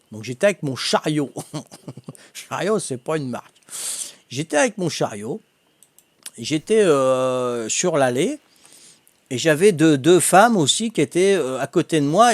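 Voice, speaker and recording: High-voiced older man. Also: no room sound. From Corsica. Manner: chatty, laughs often, full of fillers and repeats. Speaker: streamer. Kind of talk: casual anecdote telling.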